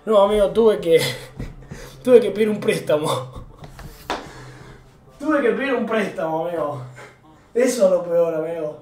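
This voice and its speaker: A young man with an Argentine accent rants and jokes with his live chat, loud and exasperated. His voice sits unusually high. He sounds set back from the mic in an echoey room at home. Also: distant mic. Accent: Argentine Spanish. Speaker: streamer. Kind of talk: casual live-stream chat. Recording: roomy, from off the mic.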